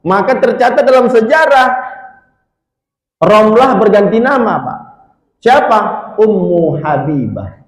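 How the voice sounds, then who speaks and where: A male preacher telling a story in a sermon, lively and constantly addressing the congregation. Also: a little high. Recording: echoey hall.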